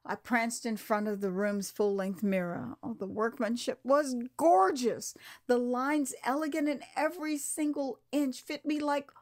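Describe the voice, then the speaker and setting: Performing her memoir as an audio drama, this woman from the United States lingers over the words with an expressive, theatrical style. She speaks a little high, at a measured pace with few pauses.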